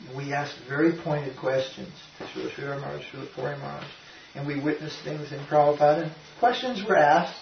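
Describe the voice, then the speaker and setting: An older man teaching his followers in a loose, emphatic talk that keeps circling back and restarting. His voice sits a little high for a man and sounds set back from the microphone. The room rings around him, with a dull lo-fi tone and a faint hiss. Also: a little fast, gravelly. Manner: rambling and emphatic, with frequent restarts. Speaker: spiritual teacher. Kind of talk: informal devotional talk. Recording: roomy, distant, dull lo-fi sound with faint noise.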